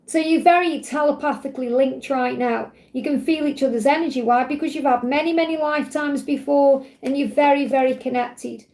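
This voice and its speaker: High, mellow-voiced middle-aged woman, slightly croaky. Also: a little fast, few pauses, low-quality recording. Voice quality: slightly croaky when hot. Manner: reassuring, repeats points in parallel phrases. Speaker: tarot reader, live show host. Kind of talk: live tarot love reading to viewers.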